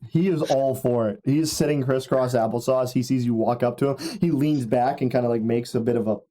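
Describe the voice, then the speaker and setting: A man's voice: medium pitch, fairly quick, mellow, slight background noise. A man narrating as game master of a tabletop game, rambling with many fillers and laughing at his own jokes.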